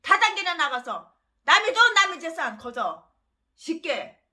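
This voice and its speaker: A woman pastor delivering a fiery, ranting sermon that swings between loud bursts and low, trailing drops. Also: sing-song, measured pace.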